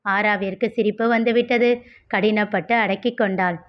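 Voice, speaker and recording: A woman narrating a family story aloud, switching into lively voices for the characters. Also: medium pitch, moderate pace. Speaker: audiobook narrator. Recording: dull lo-fi recording.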